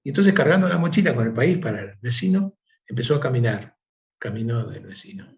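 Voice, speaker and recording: Gravelly man telling a parable. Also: medium pitch, brisk, lo-fi sound. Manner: reflective, animated storyteller. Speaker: guest. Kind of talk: conversational storytelling.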